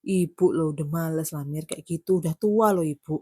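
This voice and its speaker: A woman's voice: low-pitched, a little fast, dark tone, breathy edge, no echo, clean studio sound, voice pushed down. Woman voicing a weary older mother. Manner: weary, placating. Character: tired older mother, resigned and soothing.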